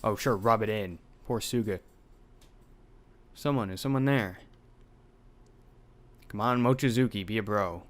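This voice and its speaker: A young man with a fairly low-pitched voice hosts a let's play, reading a horror game's dialogue aloud with some drama and adding commentary. He speaks unhurriedly with long pauses and swears in his asides.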